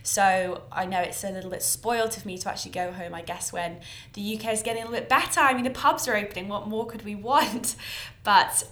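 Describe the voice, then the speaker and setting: Podcast host: British woman, early twenties, mid-pitched, gushing and informal, echoey home-made sound from under a towel. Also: fairly quick, pushed and bright. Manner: effusive, self-deprecating, emphatic. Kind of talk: chatty, informal podcast monologue. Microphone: own bought podcast microphone. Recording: echoey homemade podcast recording.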